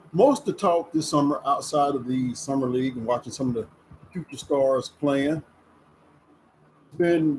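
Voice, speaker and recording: A man in his fifties with a slightly high voice hosts a casual sports commentary vlog, folksy and chatty, leaning on words for emphasis. He's filmed with a camera and ring light, and the rough recording has a little hiss or hum.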